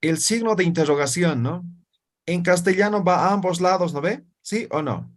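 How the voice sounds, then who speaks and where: A man's voice: high voice, normal speed. A man, an Aymara speaker, teaching an Aymara language class and checking understanding with frequent tag questions. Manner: explains with constant "¿no ve?" tag questions. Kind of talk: classroom lesson.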